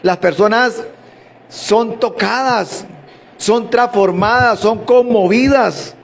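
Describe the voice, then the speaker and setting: Male preacher, high-pitched, sermon delivery, halting restarts and rhetorical questions. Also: creaky.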